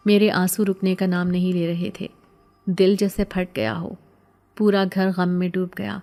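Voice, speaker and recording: Woman, horror story narrator, solemn, steady, mellow dark tone. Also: on the low side.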